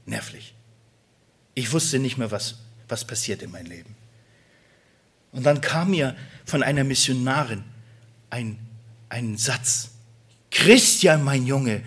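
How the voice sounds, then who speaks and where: A male preacher and church elder giving an emotional sermon, swinging between loud emphatic outbursts and quiet confessions and often checking in with the congregation. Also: mid-range voice, breathy edge.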